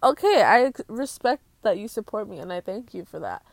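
Young woman, YouTuber, casual storytime rant, swears a lot, dry close sound, mid pitch. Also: animated, a little fast, vocal fry, no echo. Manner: venting, swears freely, mimics others with blah blah.

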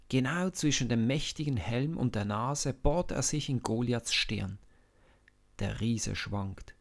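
A man narrating a children's Bible story slowly and dramatically. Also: medium pitch. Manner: slow, dramatic, gravelly reading.

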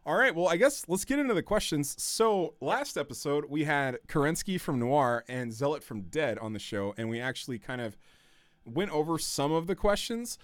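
A man's voice: a little high, moderate pace, dry recording. A man co-hosting a casual gaming podcast, joking around and reading listener questions aloud. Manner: animated, jokey, reads questions aloud. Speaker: podcast co-host.

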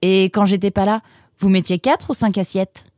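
A man voicing an eager, cheerful young boy in a storybook, talking in an excited, bouncy way. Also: sits high, moderate pace, dry recording, studio quality, pitched above the performer's own voice, close to an everyday voice.

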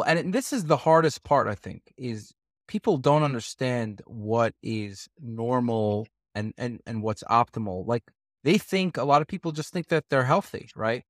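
A man's voice: mid-range voice, dry recording, studio quality. A man hosting a podcast interview, talking casually and hesitantly, with many fillers and restarts. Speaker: podcast host.

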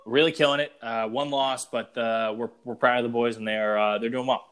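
A young man co-hosting a casual podcast, telling things in an animated way, laughing and sometimes losing his train of thought. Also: mid-range voice, a little fast, clean tone. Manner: animated storyteller, laughs and trails off mid-thought. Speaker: podcast co-host.

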